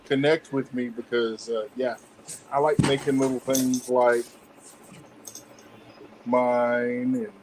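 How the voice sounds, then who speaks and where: A man in a casual online group chat, brisk and friendly as he organizes the room. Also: mid-range voice, flat delivery, background noise. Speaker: chat participant.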